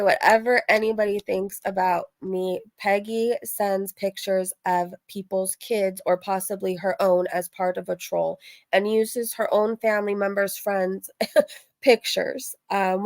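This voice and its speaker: A woman hosts a livestream in a casual, rambling, informal way, reacting to drama, reading chat and repeating phrases for emphasis. Her medium-pitched voice is gravelly and unhurried, and the recording is dry.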